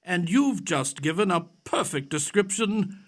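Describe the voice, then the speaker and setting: A man playing an amiable, loyal gentleman doctor in an audio theatre mystery, with a genial, formal way of speaking. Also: high voice, animated, unhurried. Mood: amused, genial.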